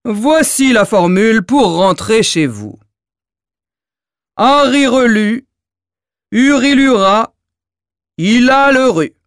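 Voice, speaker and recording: A woman voicing a giant talking letter E, a male guide with a loud, slow, explaining voice in a children's storybook. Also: fairly high pitch, expressive, dry recording, studio quality.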